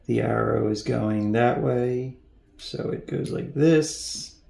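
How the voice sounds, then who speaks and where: A man with a mid-range voice and vocal fry takes his time as he repairs electronics at a home workbench. He thinks aloud and mumbles in casual narration while he works. The room is echoey and the background noise is loud.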